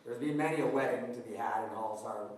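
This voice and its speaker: A man's voice: medium pitch, fast talker, close to an everyday voice. A man playing a wry, lonely centuries-old ghost who hosts a live ghost walk with droll, dramatic storytelling. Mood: wry, teasing. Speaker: host of a ghost walk show. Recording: echoey, distant, noisy live performance recording.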